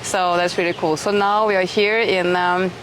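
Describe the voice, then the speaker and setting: A middle-aged Norwegian woman hosts a casual interview outdoors in an eco village, chatty and enthusiastic yet full of restarts. Her fairly low voice is a bit bright, with a flat delivery at a moderate pace, and the outdoor recording is noisy.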